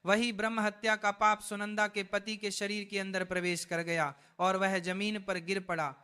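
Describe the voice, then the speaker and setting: A man narrating a devotional story in a formal, even scripted style. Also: high-pitched, moderate pace, smooth.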